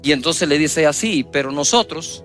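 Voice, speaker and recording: A male pastor preaching a sermon, reading scripture aloud and retelling it with dramatic swings in emphasis and loudness. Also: a little high, expressive, normal speed, soft background music.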